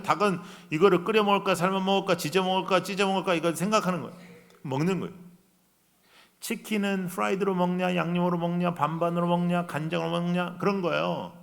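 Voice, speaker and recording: A man preaching a revival sermon in a church, acting out voices in his story and shifting between loud outbursts and hushed lines. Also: high-pitched. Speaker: guest preacher. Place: church sanctuary.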